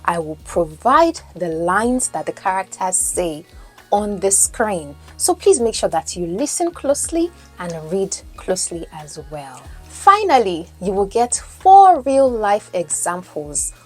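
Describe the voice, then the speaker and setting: A Nigerian English coach and podcast host whose first language is Yoruba teaches a lesson, explaining points, asking the listener questions and slipping into Pidgin. Her mid-range voice is sing-song and slightly rough, a little slow, with faint music in the background.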